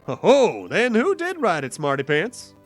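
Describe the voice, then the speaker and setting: Brief: a man putting on a bumbling Southern cop for a game read-along, folksy and loud, swinging pitch. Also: wildly swooping pitch, measured pace, faint music behind, full character voice. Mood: blustering. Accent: put-on Southern US. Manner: folksy, keeps calling people pal. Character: blustering scruffy male police detective.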